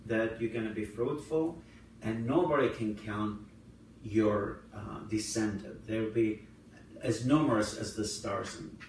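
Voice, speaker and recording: A man's voice: on the low side, unhurried, a little mellow. A man, a priest whose first language is Assyrian, leading an informal Bible study and retelling scenes with rising emphasis in the quoted lines. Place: church hall. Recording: very echoey room, voice from far off, faint noise.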